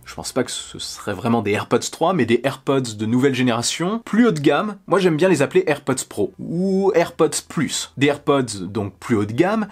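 A man's voice: medium pitch, normal speed, hardly any pauses, husky. A man in his thirties talking to camera in a casual tech vlog, chatty and speculative. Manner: chatty, speculative, lively gestures. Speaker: tech YouTuber. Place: small indoor room with posters and shelves.

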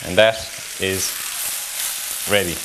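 A man's voice: deep voice, slow. A man in his thirties, a chef, explaining a recipe step by step as he cooks in a kitchen. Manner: relaxed step-by-step instructions while cooking. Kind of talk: cooking demonstration. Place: home-style kitchen, indoors. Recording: noisy kitchen with sizzling pans. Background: sizzling pans.

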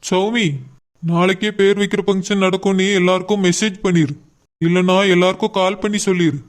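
A man's voice: high-pitched, fairly even intonation, a little fast, lightly acted. A man voicing a doting young father, soothing and determined. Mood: telling.

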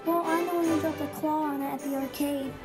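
Woman doing a high-voiced, indignant young daughter over loud music. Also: fairly even intonation, fast talker, natural voice. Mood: whiny. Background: loud background music.

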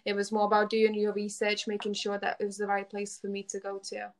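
Chatty young woman, flat steady pitch. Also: fast talker. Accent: Lithuanian with a semi-Scouse twang. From Lithuania. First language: Lithuanian. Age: 20s. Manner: chatty, laughs often, peppered with "like". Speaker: guest. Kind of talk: casual chat.

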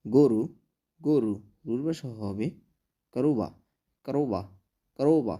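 Slow, mellow man drilling vocabulary. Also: medium pitch. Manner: repeats each word slowly several times. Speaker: language teacher. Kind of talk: vocabulary lesson with repetition.

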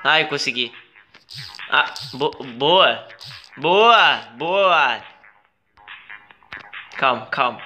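Bright-voiced Brazilian gamer, exasperated yelps. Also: male voice, expressive, drawn-out words, pauses often, dull audio, faint music behind. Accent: Brazilian Portuguese. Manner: exclaiming, swearing and pleading at the game, with sudden high yelps. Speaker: gaming video creator. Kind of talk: gameplay commentary.

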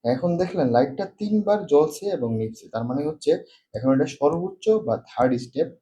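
A man's voice: on the high side, expressive, mellow. A man demonstrating a product indoors, explaining step by step while his voice passes through noise-cancelling processing that leaves noise reduction artifacts. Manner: explains step by step with fast, repetitive phrasing. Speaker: tech reviewer. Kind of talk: product demo.

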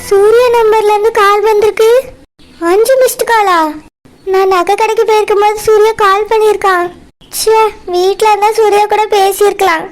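A woman doing a tearful, very high young village girl. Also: flat delivery, moderate pace, faint music behind. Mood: worried. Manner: tearful, pleading. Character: young village woman in love, a student, fearful of strict parents. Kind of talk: cartoon voice acting.

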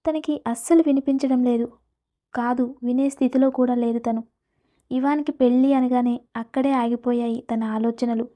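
A woman storyteller narrating a romance from a script in a steady reading voice. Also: on the high side, normal speed.

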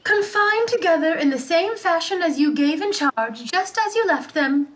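Woman as Ariel, a high-voiced airy spirit. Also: animated, a bit bright. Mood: dutiful, tender. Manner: measured, deferential. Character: gentle, dutiful airy spirit servant. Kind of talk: Shakespearean radio play acting.

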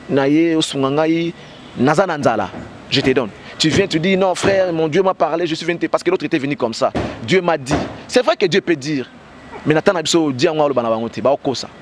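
A slightly high-voiced man in his thirties, with a Congolese French accent and a cold, speaks as a guest in an outdoor street interview beside parked cars, with slight background noise. He's passionate and emphatic, gesturing and leaning on "bah" fillers, while the interviewer holds a handheld mic fitted with a fur windscreen.

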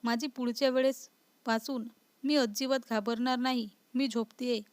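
A woman storyteller plays a young wife who startles easily and sulks quickly. She sounds indignant and put out, in a fairly high voice recorded dry and close. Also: steady tone, clean tone, no room sound, close to an everyday voice. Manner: indignant, sulky.

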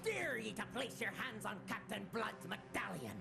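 A man's voice: high-pitched, expressive, normal speed, creaky. An actor playing a teenage boy possessed by a pirate captain, growling pirate talk full of arr and ye. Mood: menacing. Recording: cartoon soundtrack with loud music.

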